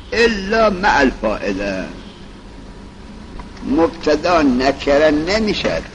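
Man lecturing on grammar, lively pitch. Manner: explains in plain speech, reciting Arabic examples slowly. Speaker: teacher of Arabic grammar. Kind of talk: colloquial classroom lecture. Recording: dull lo-fi recording with faint vehicle noise.

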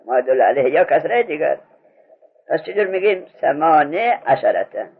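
A man with a slightly high, husky voice teaches an Arabic grammar lesson. He drills his student patiently, asking the same questions again and again. The recording sounds muffled and lo-fi. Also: expressive.

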